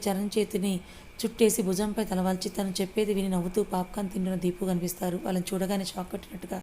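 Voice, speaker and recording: A woman narrating a romance audio story, reading out each character's words herself in the same steady storyteller voice. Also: mid-range voice, a little hiss or hum. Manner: reads all parts in one even voice, quoting each character.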